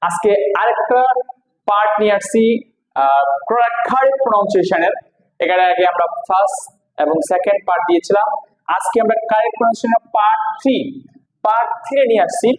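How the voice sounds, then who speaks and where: A man with a Bangladeshi accent teaching English pronunciation, repeating each word slowly and quizzing the listener. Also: high-pitched, roomy sound, rough recording. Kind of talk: spoken classroom lesson.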